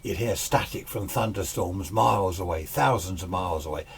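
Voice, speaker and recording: At normal speed and in a low, gravelly voice, a middle-aged amateur radio hobbyist and host chats through a casual hands-on demonstration, poking fun at himself along the way. He is indoors in his home radio shack. His camera's built-in microphone adds hiss and background noise, and faint radio hiss and static sit in the background.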